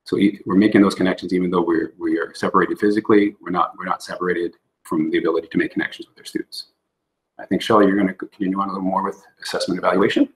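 Low-voiced man presenting on a video call. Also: steady tone, racing, rough recording. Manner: explanatory, with frequent fillers and restarts. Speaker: school board administrator presenting. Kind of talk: presentation at a remote board meeting. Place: indoor room on a video call.

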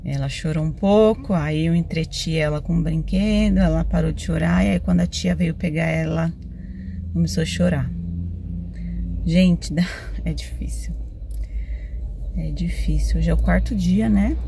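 A woman's voice: sits low, moderate pace, gravelly, dark tone, a little hiss or hum. A young mother from Brazil chatting casually to viewers in a phone vlog, confiding and talkative. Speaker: vlogger mother. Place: on the go outdoors and in a car, rainy day.

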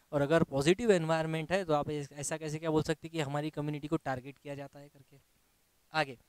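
A man with an Indian accent gives an exam lesson, reading English sentences slowly and then explaining them in Hindi. His voice is fairly high and smooth. He prods his students with rhetorical questions, recorded dry and close. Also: dry recording. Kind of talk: classroom lecture.

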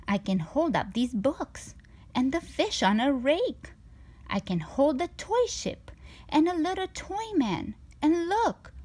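A woman's voice: sits high, heavily acted. A woman voicing a boastful, playful giant cat in a storybook, with an eager, showy, sing-song delivery.

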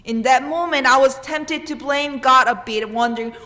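Speaking at normal speed with a high-pitched, sharp voice, a pastor in her thirties preaches earnestly at a church pulpit, pressing emphatic questions in a Korean accent. The church is roomy with long reverb, picked up by the pulpit mic.

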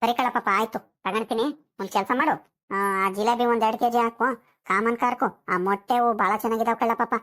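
A woman's voice: on the high side, steady tone, moderate pace, fairly bright tone, lightly acted. A woman doing a bossy old village granny. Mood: coaxing. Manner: scolding, fussy, calls others "kalla paapa". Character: bossy old village grandmother, teasing and scolding. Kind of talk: animated village comedy voice acting.

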